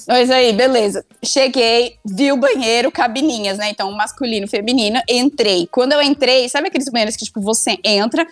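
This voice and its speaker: Animated young woman telling a story. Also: fairly high pitch, normal speed, no echo, soft background music. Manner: animated, acts out her own past lines. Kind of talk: casual comic storytelling.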